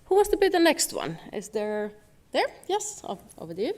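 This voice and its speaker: A woman's voice: sits high, big pitch swings, moderate pace, a little mellow. A woman moderating a panel Q&A at a business forum before a live audience, upbeat and encouraging. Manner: upbeat, encouraging, inviting questions. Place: conference hall with live audience.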